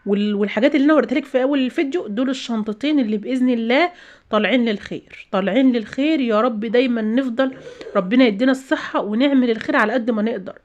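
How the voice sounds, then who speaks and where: Egyptian woman vlogger, quick and insistent, somewhat high voice, preachy home advice. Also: dull audio. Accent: Egyptian Arabic. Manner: emphatic, repeats phrases, preachy. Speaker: channel host. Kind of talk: casual advice talk to viewers.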